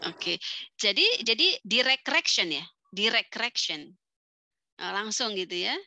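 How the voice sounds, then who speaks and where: A young woman with an Indonesian accent lectures a class over a video call, chatty and quick to laugh as she mixes English into her talk. Her voice is bright and clear. The sound is close and dry, with no room around it. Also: mid-range voice, sing-song, dry recording.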